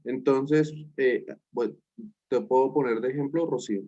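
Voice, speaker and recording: A man's voice: mid-range voice, moderate pace, warm tone, muffled recording. A man, a university teacher telling an example story to his class in a chatty way over a video call.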